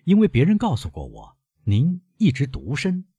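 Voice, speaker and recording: A man's voice: a little high, huge pitch swings, normal speed, mellow, breathy edge, dry recording, pitched above the performer's own voice, exaggerated voice. A man reading an audiobook, voicing a suave male count who talks in a courteous, probing way.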